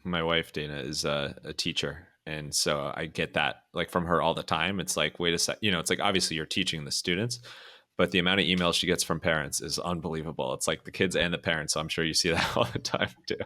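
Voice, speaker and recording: Deep, bright-voiced man hosting. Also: steady tone, quick pace. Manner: jokey, informal. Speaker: interview host. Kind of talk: casual interview chat.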